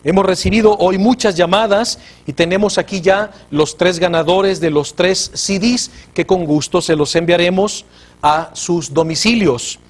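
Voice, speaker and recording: A man with a Mexican Spanish accent, a preacher hosting a religious TV show, telling a testimony with fervor and swinging between loud and hushed. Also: high voice, unhurried. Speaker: preacher and TV host.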